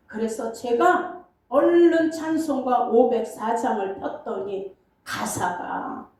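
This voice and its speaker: A woman pastor telling her own story in a sermon, in an animated, colloquial way. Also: high voice. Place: church sanctuary. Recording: very echoey hall, distant mic.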